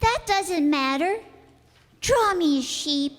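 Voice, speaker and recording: A performer playing an odd, solemn little boy in a radio drama, speaking politely, insistently and deliberately. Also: very high voice, animated, a bit bright, heavily acted. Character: odd little prince, small solemn child from space. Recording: echoey hall, music behind.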